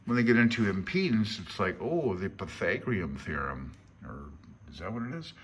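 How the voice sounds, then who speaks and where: Speaking at normal speed, a deep-voiced man swings widely in pitch, with slight background noise present. He's an amateur radio hobbyist and vlogger giving casual, rambling remarks on a handbook while paging through it, plain-spoken and self-deprecating, as a hobbyist rather than an expert.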